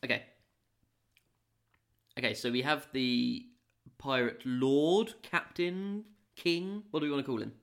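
Speaking a little slowly with long pauses, this medium-pitched, slightly bright man co-hosts a podcast where he casually brainstorms a fantasy world. He rambles, using lots of fillers and restarting often.

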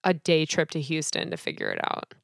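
Podcast co-host, woman, lowish voice, chatty, dry close mic. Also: huge pitch swings, brisk, creaky, dry recording. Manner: chatty storytelling, many fillers. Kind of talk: casual chat.

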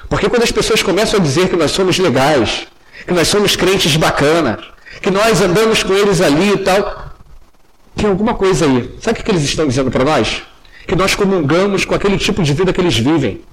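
A young man preaches a sermon earnestly, his voice sitting high for a man, and he often sinks low and soft when turning to the congregation. His delivery is expressive and brisk. The low-quality recording carries a little hiss or hum.

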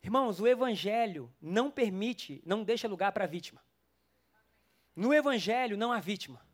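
A male pastor, preaching a sermon passionately, swinging from loud exhortation to soft murmurs and acting out Bible figures. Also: high voice, animated, moderate pace. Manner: acts out Bible figures in quoted voices. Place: church before a congregation.

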